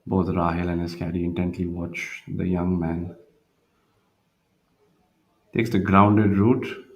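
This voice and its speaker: For a golf telecast, a man with a fairly low voice walks through each shot in a measured, analytical, flat manner, occasionally pausing to search for words. The recording sounds muffled.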